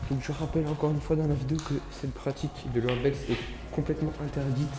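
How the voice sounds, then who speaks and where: Poor-quality, echoey audio captures a man with a fairly high, steady voice talking fast as he explores an abandoned building and its surroundings. The vlog host addresses his viewers in awestruck, slangy commentary while music plays.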